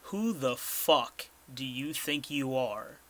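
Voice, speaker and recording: Man plays offended, foul-mouthed big fellow roused from bed, tabletop game; loud, booming, sharp-edged delivery. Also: lively intonation, takes it slowly. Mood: angry. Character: indignant, foul-mouthed, tall invisible man roused from sleep.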